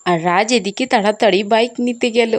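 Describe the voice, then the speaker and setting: A woman narrating a doll story and voicing every character in turn, in a lively way. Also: on the high side, brisk, dry recording. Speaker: narrator voicing all dolls. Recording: background music under the voice.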